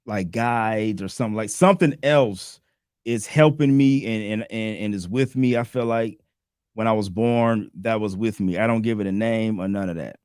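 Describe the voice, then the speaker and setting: A man co-hosting a podcast, talking in a relaxed, conversational way and often adding "you know what I'm saying.". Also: fairly low pitch, moderate pace, smooth, no echo, clean studio sound. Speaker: podcast co-host. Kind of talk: casual debate talk.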